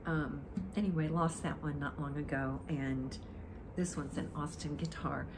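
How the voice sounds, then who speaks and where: A woman's voice: deep voice, fairly even intonation, measured pace. An older woman with a dry throat chats casually to the camera in a rambling, reminiscing way, as an amateur guitarist. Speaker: amateur guitarist introducing a song. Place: living room, indoors, on a sofa. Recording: clearly noisy home recording.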